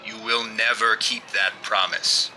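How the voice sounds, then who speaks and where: Forceful, piercing Shadow, mysterious avenger. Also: male voice, fairly low pitch, flat delivery, slight background noise. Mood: mocking, commanding. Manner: stern, theatrical, deliberate. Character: commanding, mocking invisible crime-fighting avenger. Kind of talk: 1930s radio drama acting.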